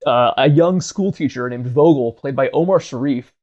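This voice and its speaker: A man hosting a podcast in casual chat, explaining fluently and relaxed. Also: mid-range voice, normal speed, muffled recording. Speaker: podcast host.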